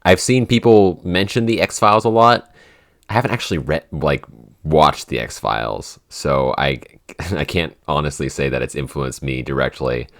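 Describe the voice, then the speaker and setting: The podcast's host and writer, a man with a rumbling low voice, chats informally and loosely through a casual Q&A at normal speed. It's a dry, studio-quality recording.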